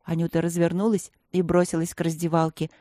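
A woman reading a children's storybook aloud in a steady, even-paced manner. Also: fairly low pitch, fairly quick, dry recording, studio quality. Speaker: audiobook narrator. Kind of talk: storybook narration.

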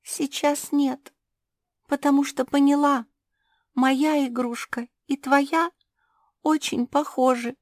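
A woman's voice: high-pitched, fairly even intonation, slow pace, pauses often, no echo, studio quality, pitched above the performer's own voice. A woman voicing a timid young female spitz dog in a children's audiobook, speaking in a trembling, tearful way. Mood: apologetic.

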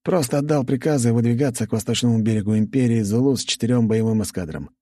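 A man's voice: mid-range voice, fast talker, dark tone, no room sound, studio quality, pitched above the performer's own voice, lightly acted. A male narrator voicing a wry, joking young aristocrat in an audiobook, in a raised register.

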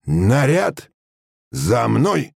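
A man voicing a squat, middle-aged sergeant major who gives crisp military shouts. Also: mid-range voice, sing-song, slow, no room sound, studio quality, voice pushed up, full character voice. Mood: gruff.

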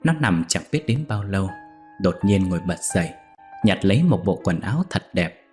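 Low-voiced man narrating a ghost story. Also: faint music behind. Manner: measured, steady storytelling.

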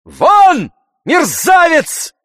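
A man voicing a furious gentleman who shakes with rage and shouts commands in a storybook reading. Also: extremely high pitch, wildly swooping pitch, extremely slow, no echo, studio quality, voice pushed up, exaggerated voice.

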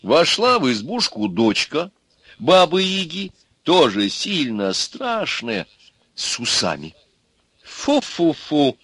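A man narrating a folk tale in an audiobook, with lively storytelling. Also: mid-range voice, takes it slowly, slightly rough, no room sound.

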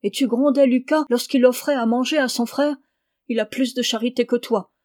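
A woman's voice: on the high side, fairly even intonation, normal speed, a little mellow, lightly acted. Woman reading a worried caring farm mother. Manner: anxious, reproachful.

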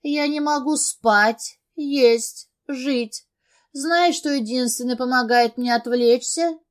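A clingy, intoxicated young woman from an audiobook romance, as the narrator puts her on, pitched well above the reader's own voice. Her lines come high, breathy and pleading, swinging up and down as she sways between teasing and begging. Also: lively intonation, slow. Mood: desperate.

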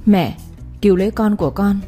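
A woman's voice: medium pitch, a little fast, mellow, soft background music, natural voice. Scared young wife begging for help, teary, a woman doing her. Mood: pleading. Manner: tearful, pleading. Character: frightened young pregnant wife, pleading.

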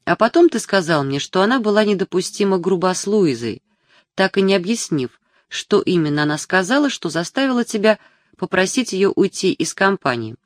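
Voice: medium pitch, very animated, a little fast, dry recording, clean studio sound, natural voice. A reader voicing a grown daughter, anxious and tearful, pleading earnestly with her father in an audiobook. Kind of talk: audiobook character reading.

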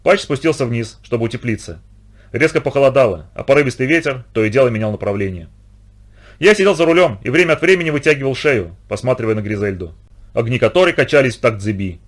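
A man reading a first-person adventure novel aloud as an audiobook narrator, in an expressive, dramatic way. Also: medium pitch, fast talker.

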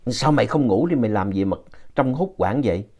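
A man's voice: medium pitch, lively intonation, a little fast, darkish tone. A man voicing a blunt, offhand older woman from an opera troupe. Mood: annoyed.

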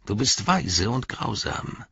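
A man's voice: on the low side, big pitch swings, creaky, sharp tone, slightly rough, no room sound, exaggerated voice. A man voicing a cruel, spiteful old wizard who sneers and mocks, in a dry, slightly dull recording. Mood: bitter. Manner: mocking, drawn-out, taunting.

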